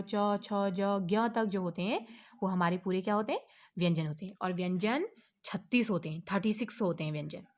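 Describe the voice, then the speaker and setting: A woman teaching an alphabet lesson to children, asking questions and answering them herself, drawing out each letter slowly. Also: mid-range voice. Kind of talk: online Hindi lesson for children.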